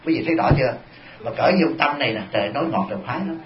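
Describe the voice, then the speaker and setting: Rapid-fire and mid-range, the voice belongs to a Buddhist monk giving a dharma talk amid crowd noise. He addresses the congregation with funny, lively stories, captured in a dull, lo-fi recording of an echoey hall.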